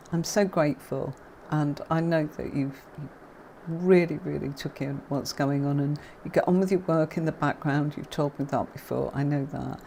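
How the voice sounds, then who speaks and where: A middle-aged woman with a notably low voice hosts a tarot live stream. She chats in a relaxed, grateful way and greets her followers by name. A faint background noise sits under her voice. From father is Irish. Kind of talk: casual live-stream chat with viewers.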